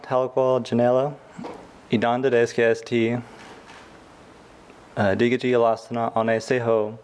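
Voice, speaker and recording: A man's voice: medium pitch, darkish tone, a little hiss or hum. A man in his twenties from Oklahoma giving a flustered introduction, stumbling and restarting. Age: 20s. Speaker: bike rider introducing himself.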